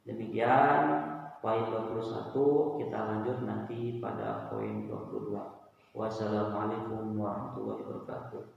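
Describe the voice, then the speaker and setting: A male teacher explains a religious text line by line, repeating his points with emphatic warnings. His voice is gravelly. He sounds far from the mic in a very echoey hall, with faint noise behind. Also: on the low side, level tone, moderate pace, darkish tone, highs cut off. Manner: repetitive, emphatic admonishing. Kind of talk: recorded online lesson, reading Arabic text then explaining.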